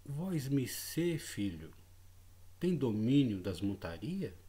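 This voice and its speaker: Man putting on a slow, courtly old spirit. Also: mid-range voice, big pitch swings, dark tone. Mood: solemn. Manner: slow, formal old-fashioned speech. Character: old male spirit speaking through a horseman, courtly, archaic.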